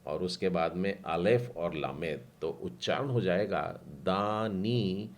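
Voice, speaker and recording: Deep-voiced slow, patient language teacher man. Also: expressive. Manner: spells out syllables slowly, then repeats the whole word. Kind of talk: slow, patient language lesson, spelling out letters and sounds.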